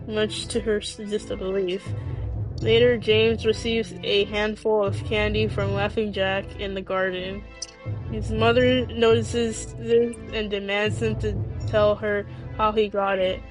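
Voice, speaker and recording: A woman reading a scripted story aloud as narrator, halting and often stumbling and repeating phrases. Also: mid-range voice, poor audio.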